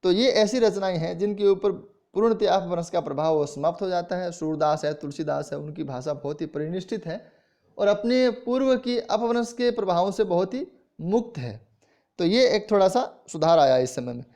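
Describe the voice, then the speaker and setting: A man with a Rajasthani Hindi accent teaches a college class in a fairly high voice. He explains patiently, point by point. He says words aloud to show how they sound. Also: darkish tone. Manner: explains slowly, demonstrates pronunciation aloud. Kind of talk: classroom lecture.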